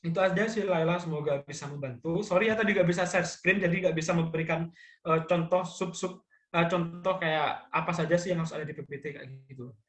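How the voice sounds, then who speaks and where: A man from Madura with a Javanese-tinged Indonesian accent gives a public speaking training over a video call, his voice sitting high. He talks in a loose, joking way, piling on fillers. The sound is echoey, as if he is in a bare room. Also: fast, few pauses, fairly bright tone. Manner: chatty, joking, keeps tagging phrases with fillers. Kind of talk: casual online training talk.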